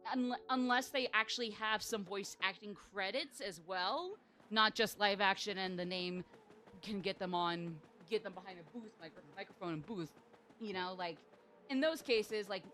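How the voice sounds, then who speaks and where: A woman's voice: medium pitch, fairly bright tone, slight background noise. Young woman, game streamer, casual livestream chat, rambling, filler-heavy, apologetic.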